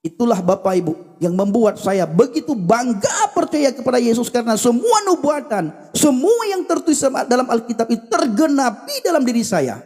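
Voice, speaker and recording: A man with a very high voice preaches with fervor on a livestream. He drives his points home through repeated phrases and speaks straight to his listeners. His voice rings with a long, echoing reverb. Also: big pitch swings, normal speed, few pauses, a little mellow, slightly rough. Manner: emphatic, repetitive preaching cadence addressing the audience directly. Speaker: evangelist livestream host.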